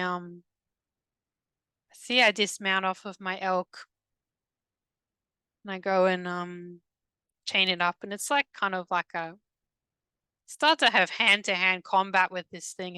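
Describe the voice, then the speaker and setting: Woman in a hypnosis session, slow and hesitant, smooth clear voice, dry close mic. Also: medium pitch, fairly even intonation, no echo, rough recording. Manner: halting, hesitant, many restarts and fillers; soft, subdued, emotional. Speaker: hypnosis client. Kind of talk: recounting a past-life regression under hypnosis.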